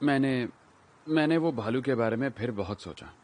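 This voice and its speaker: A man's voice: mid-range voice, moderate pace, darkish tone, a little hiss or hum, close to an everyday voice. An actor dubbing a lovesick, bookish young man who pleads earnestly with the woman he loves in drama dialogue. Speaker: dubbed drama lead.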